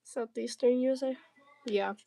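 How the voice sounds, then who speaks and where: Her voice is a little high, creaky and warm, with fairly even intonation at a moderate pace. This woman from the American South crafts on a casual livestream, joking around with viewers in playful slang.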